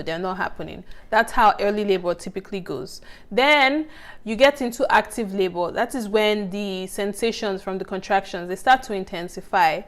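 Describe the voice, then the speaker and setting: A woman teaching a childbirth course in a casual, conversational lecture, reassuring her listeners and often checking in with them. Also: medium pitch. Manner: many fillers and restarts.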